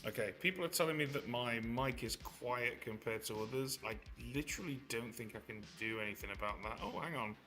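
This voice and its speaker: A man talks frankly on a live stream, joking and swearing as he goes, through a handheld device's built-in mic. His voice is very bright and cutting. Uneven auto gain keeps pushing his level up and down. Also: medium pitch, lively intonation, brisk, few pauses, faint music behind. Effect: uneven auto gain, level pumping up and down. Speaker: game player on a live stream. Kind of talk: casual chat. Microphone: built-in mic of a handheld gaming device.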